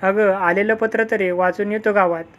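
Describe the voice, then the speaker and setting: A reader puts on a patient, humble village farmer from a storybook tale. He speaks in a plain rustic way at a middling pitch. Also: fairly even intonation, moderate pace, natural voice. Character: poor farmer father Rama, humble and patient.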